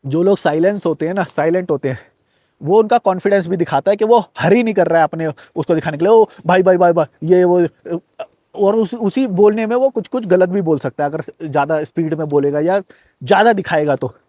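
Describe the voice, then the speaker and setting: A man hosting a self-help video, talking fast in an unbroken flow and addressing the viewer directly, words into his speech. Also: high-pitched, warm tone, no echo, studio quality. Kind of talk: fast-paced motivational talk to camera. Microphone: recording to camera on a device.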